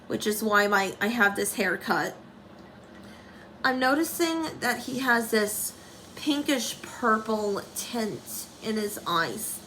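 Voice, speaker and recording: Slow, bright-voiced young woman doing makeup. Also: fairly high pitch, animated, slight background noise, low-quality recording. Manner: slow, rambling and self-commenting, with dry sarcastic asides. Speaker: makeup tutorial maker. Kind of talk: casual makeup tutorial.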